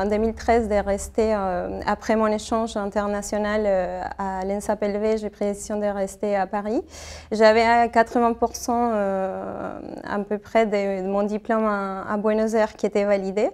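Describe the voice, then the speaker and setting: Woman, 30s, interview answers, level even tone, halting with fillers. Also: medium pitch, clean tone. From Argentina. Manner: hesitant, many fillers and restarts. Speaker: architect interviewee.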